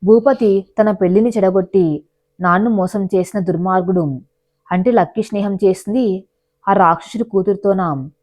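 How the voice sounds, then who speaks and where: A woman's voice: mid-range voice, normal speed, darkish tone. Telugu woman narrating a dramatic story.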